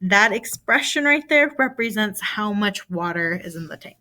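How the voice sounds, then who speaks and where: A woman's voice: mid-range voice, lively intonation, moderate pace, sharp tone. A woman, possibly a young adult, teaching a recorded math lesson, patiently walking through a problem by asking and answering her own questions.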